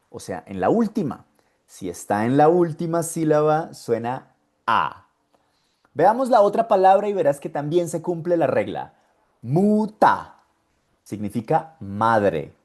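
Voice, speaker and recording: A man teaching German pronunciation, speaking deliberately and repeating each word so the learner can copy it. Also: fairly high pitch, darkish tone. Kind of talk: online pronunciation lesson.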